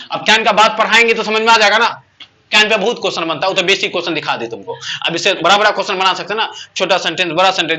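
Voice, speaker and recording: Bright-voiced male English teacher, high. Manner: drills students, asks and answers his own questions. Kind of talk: classroom lesson.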